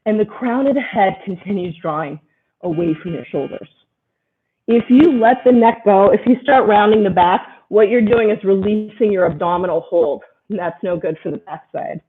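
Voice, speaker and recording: A woman's voice: medium pitch, normal speed, slight background noise. Woman, yoga instructor, short encouraging body cues, guided class instruction, thin phone-like audio. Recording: tinny phone-like sound.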